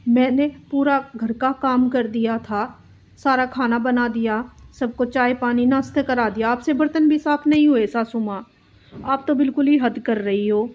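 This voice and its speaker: Cartoon daughter-in-law, young woman, rude and taunting, high voice, muffled lo-fi audio with faint music, as a woman puts her on. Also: moderate pace, close to an everyday voice. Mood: scolding. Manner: taunting, scolding.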